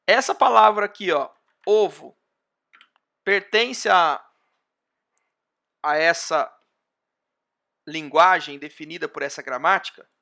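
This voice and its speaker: A Brazilian man lecturing over a video call, with a high, bright voice and a gravelly edge. He walks through the example one step at a time and keeps pointing things out as he goes. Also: slow, long pauses. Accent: Brazilian Portuguese. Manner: explains step by step, often pointing with "ó". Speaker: university lecturer. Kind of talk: online class lecture.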